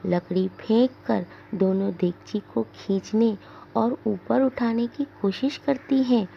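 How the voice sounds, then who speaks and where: Woman teacher, drama read-aloud, slow deliberate pace, dull lo-fi recording. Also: a little high, creaky, slight background noise. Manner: slow, deliberate reading of scene directions. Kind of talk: reading a drama aloud for a class.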